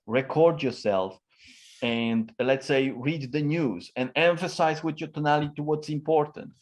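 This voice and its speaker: A man's voice: on the high side, unhurried. A man answering interview questions as a communication expert, talking emphatically with lots of tonal variation and frequent fillers. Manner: emphatic, varies his tone a lot, frequent fillers.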